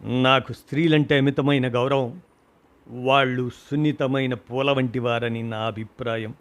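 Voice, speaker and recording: A man's voice: medium pitch, fairly even intonation, measured pace, close to an everyday voice. A man reading a grieving husband's story of loss, emotional and rising to cries at the peaks, in a storybook reading. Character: grieving husband recalling his mother's death.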